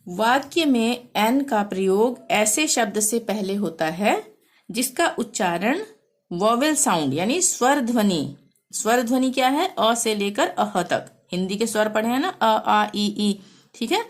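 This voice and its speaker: A woman teaching English grammar, patiently repeating example words and sentences slowly for her pupils. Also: medium pitch. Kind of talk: explaining a grammar lesson.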